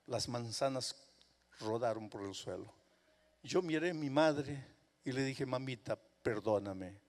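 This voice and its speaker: Dramatic preacher in a reverberant hall. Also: male voice, mid-range voice, measured pace. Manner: dramatic, builds to loud emphatic climaxes. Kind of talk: sermon with storytelling.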